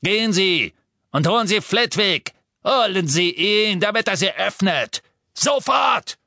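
A man reading an audiobook voices a coarse, vulgar male henchman who shouts and bangs at a door. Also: high voice, animated, unhurried, vocal fry, no echo, studio quality, voice pushed up, heavily acted. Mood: furious. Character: coarse brutish male henchman, bellowing and crude.

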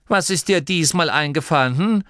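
A man's voice: a little high, normal speed, bright, forceful tone, dry recording, studio quality, pitched above the performer's own voice. A man voicing a stuffy, dismissive older male gnome with a pompous manner.

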